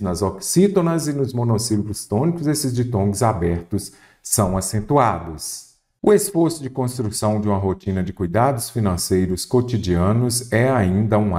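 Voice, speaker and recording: A man with a Brazilian accent teaching a Portuguese spelling lesson for exam prep, lively and full of rhetorical questions he answers himself. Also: on the low side. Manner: addresses the student directly.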